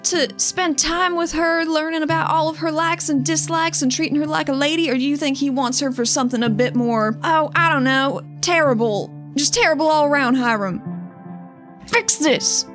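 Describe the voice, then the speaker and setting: A woman voicing a sharp-tongued young woman who scolds and snaps with sarcasm. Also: high-pitched, normal speed, faint music behind. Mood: scolding. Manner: sarcastic, biting.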